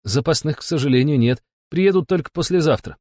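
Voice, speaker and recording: A man's voice: fairly high pitch, expressive, fairly quick, a little mellow, no room sound, clean studio sound, voice pushed up. A man playing an awkward young monster hunter, apologizing sheepishly. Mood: apologetic.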